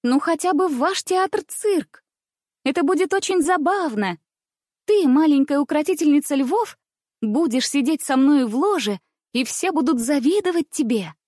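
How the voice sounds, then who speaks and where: A woman voicing a capricious, spoiled little princess girl who talks in a bright, bossy way. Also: sits high, expressive, moderate pace, no echo, studio quality, voice pushed up.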